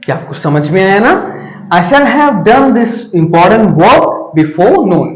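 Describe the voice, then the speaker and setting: A man teaches a grammar class, asking questions and answering them himself. His pitch swings widely as he stresses words and slows down to dictate the example sentences. The sound carries a noticeable room echo. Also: sing-song.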